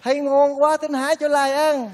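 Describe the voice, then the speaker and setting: A man's voice: extremely high pitch, level tone, moderate pace, in a large hall. An actor playing a kindly, lovesick man who pleads earnestly with a widow, speaking in a stage comedy sketch. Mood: explaining.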